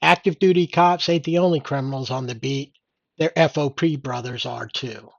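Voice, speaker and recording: A man's voice: mid-range voice, moderate pace, gravelly, no room sound, muffled recording. An older man reading out and commenting on news in an indignant, sardonic old-man rant. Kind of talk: opinionated read-aloud news commentary.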